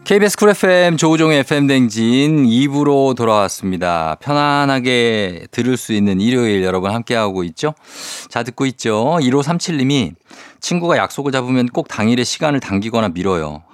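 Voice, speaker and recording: A male radio DJ on a morning show, reading listener messages and answering them with quick chatty asides. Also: mid-range voice, lively intonation, smooth, no echo, clean studio sound, faint music behind. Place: radio studio. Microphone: studio microphone.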